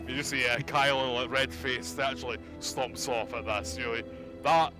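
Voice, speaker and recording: A man's voice: mid-range voice, steady tone, moderate pace, over music. A man narrating as game master of a tabletop role-playing game, easygoing and rambling, with frequent fillers and restarts.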